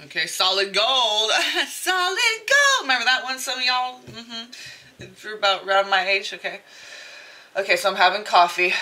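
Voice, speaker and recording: A woman's voice: fairly low pitch, sharp tone. A woman chatting her way casually through a tarot reading in a rambling, playful manner, often slipping into exaggerated asides. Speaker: tarot reader.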